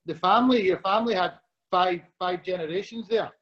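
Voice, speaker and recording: A man hosts a podcast interview in a broad Glaswegian Scottish accent. His voice sits high for a man, and he talks haltingly, deliberately slowing himself down. The recording is a little dull and lo-fi. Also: a bit bright. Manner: halting, deliberately slowed speech. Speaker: podcast host. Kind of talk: conversational interview. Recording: dull lo-fi audio.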